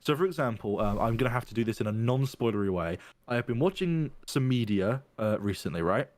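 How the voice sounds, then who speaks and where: A man's voice: medium pitch, lively intonation, a little fast, no room sound. Casual podcast guy rambling through an argument, dry mic, asks "right?" a lot. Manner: explains at length, checks in with "right?". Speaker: podcast host.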